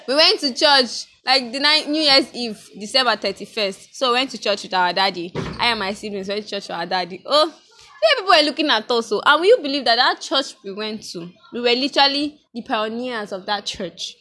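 Bright-voiced young Nigerian woman vlogging. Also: fairly high pitch, a little fast. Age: young adult. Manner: chatty, mixes in pidgin, animated storytelling. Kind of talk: casual vlog chat.

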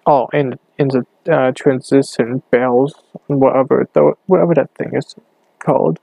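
Low, gravelly young man rambling quietly. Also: fairly even intonation, a little slow, no echo. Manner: rambling, hesitant, speaking low. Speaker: podcast host. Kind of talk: casual solo podcast. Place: bedroom at home. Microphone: hand cupped over the mic.

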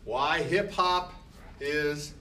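A man teaching a class, slow and emphatic, often talking back to himself in quoted dialogue. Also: a little high, pushed and bright. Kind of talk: classroom talk. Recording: noisy room, voice from a distance.

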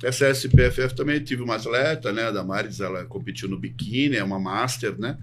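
Man, São Paulo accent, podcast guest, animated storyteller, faint hum. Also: lowish voice, fairly quick. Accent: Brazilian Portuguese, São Paulo. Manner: animated storyteller, acts out quotes. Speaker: guest, bodybuilding judge and coach. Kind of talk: casual podcast chat.

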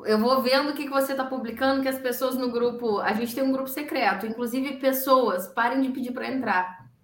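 A woman joins as a guest and chats in a relaxed, talkative way. Her voice is fairly high. The room around her echoes noticeably. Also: a little fast. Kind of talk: casual chat.

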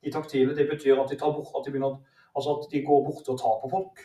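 A man's voice: mid-range voice, flat delivery, dark tone, roomy sound, distant mic. A man hosting a casual podcast chat. He argues playfully and explains things by sorting them into categories. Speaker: podcast host.

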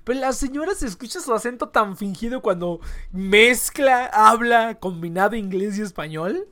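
A woman's voice: a little high, animated, moderate pace, fairly bright tone, no echo. Young Mexican woman, slangy dry ranting. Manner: slangy, swears freely, tags phrases with questions. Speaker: livestream host. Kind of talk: casual ranting chat with a guest.

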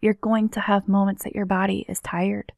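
Earnest woman giving a gentle motivational talk. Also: mid-range voice, level tone, creaky, no echo, clean studio sound. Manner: earnest, slow, softening into near-whispers. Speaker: wellness speaker.

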